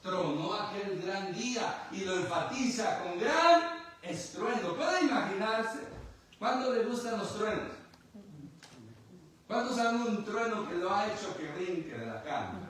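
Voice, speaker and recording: A man's voice: high voice, animated, unhurried, fairly bright tone, a little hiss or hum. A man preaching a sermon as a pastor, with emphatic repetition and rhetorical questions to the congregation. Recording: very echoey room from far off.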